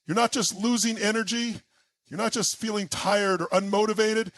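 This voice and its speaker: A man's voice: high-pitched, steady tone, moderate pace, a bit bright, no echo. A man giving an intense motivational speech in short, emphatic, punchy phrases. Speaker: motivational speaker.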